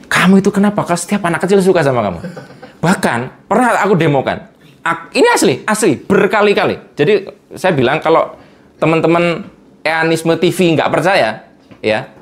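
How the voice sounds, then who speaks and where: A man in a casual interview, explaining with everyday examples and chuckling often. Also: on the high side. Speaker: guest speaker on vibration and energy.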